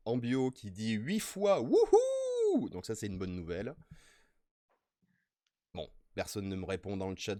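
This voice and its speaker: Streamer host: French man, deep-ish, bouncy and excitable, dry close-mic sound. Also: dry recording. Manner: playful, excitable, reads chat aloud. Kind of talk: casual live-stream chat.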